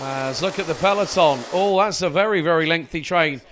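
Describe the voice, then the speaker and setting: A high-voiced man delivers live motorsport commentary with plenty of drama. He sounds excited as he calls the action, with some vehicle noise behind him. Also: brisk.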